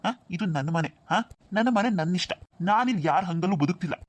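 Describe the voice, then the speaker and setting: A man's voice: high-pitched, expressive, fast. A man voicing a brash drunk husband. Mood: defiant. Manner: brash, defiant retorts. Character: drunk young husband, defiant and boastful. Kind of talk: cartoon voice acting.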